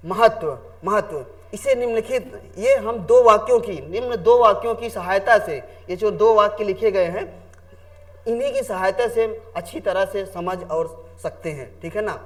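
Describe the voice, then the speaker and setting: A man's voice: sits high, normal speed. A man teaching a grammar lesson to students, often repeating himself and asking them questions he then answers. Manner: repeats and asks the class questions.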